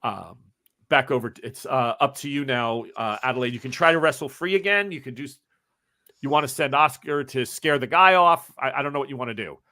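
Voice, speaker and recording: A man's voice: mid-range voice, fairly quick, sharp tone. A man running a tabletop game as game master, narrating and calling rules in a casual, rambling way. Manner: casual, rambling rule calls with fillers.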